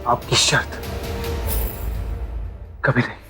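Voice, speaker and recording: A man's voice: slow, natural voice. A man playing a proud, defiant husband-king in a TV mythological drama, speaking in an impassioned way. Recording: music loud behind, echoey.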